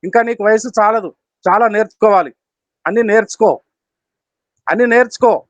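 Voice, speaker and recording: A man's voice: sits high, normal speed, no room sound, lightly acted. A man voicing God as a stern father, scolding with repeated commands. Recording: dull, dry lo-fi recording.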